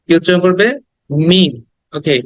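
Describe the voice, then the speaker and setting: A man teaching English pronunciation in a casual spoken lesson. He says each word slowly again and again and asks the listener to say it with him. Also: a little high, a bit bright, smooth, no echo, muffled recording. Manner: drills words slowly, asks listener to repeat.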